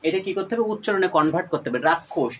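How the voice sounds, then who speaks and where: A man's voice: sits high, racing, a bit bright, lo-fi sound. A man teaching a lesson to his students, who repeats each point and quizzes his listeners. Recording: voice a little far from the mic, faint room noise.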